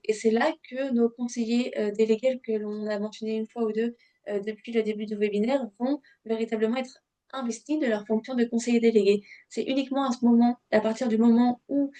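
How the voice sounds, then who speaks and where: A woman presents a webinar on local government law, explaining from slides and speaking directly to listeners in a teaching manner. Her soft, slightly high voice is halting and hesitant, full of filled pauses.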